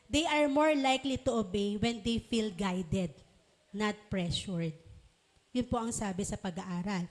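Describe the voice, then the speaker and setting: A woman teaching a congregation of children and parents in a sermon, coaxing them along with questions and frequent check-ins. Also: fairly high pitch. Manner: acts out parents and children in short voices. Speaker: church teacher.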